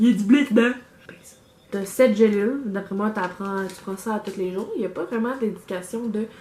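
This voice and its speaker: A woman with a Québécois French accent chatting casually through an unboxing, rambling with lots of fillers and restarts, recorded on a camera mic. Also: fairly high pitch. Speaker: vlogger reviewing a subscription box. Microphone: camera microphone. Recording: echoey room with faint background noise.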